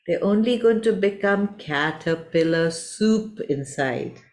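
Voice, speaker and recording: A woman's voice: on the low side, animated, slow pace, a little mellow. A woman voicing a sly, scheming sparrow in a storybook tale, coaxing and wheedling.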